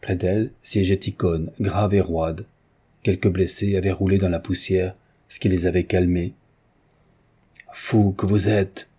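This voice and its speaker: Deep, husky male narrator. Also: level tone, mellow. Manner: measured, literary. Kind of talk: audiobook narration.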